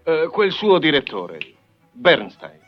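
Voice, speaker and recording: A commanding newsreel boss from an old dubbed movie, highish and very animated in pitch. He is emphatic and insistent as he gives orders, on a dull, lo-fi film soundtrack. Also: takes it slowly, faint music behind, exaggerated voice. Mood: brisk, commanding. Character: commanding male newsreel editor giving orders to his reporter.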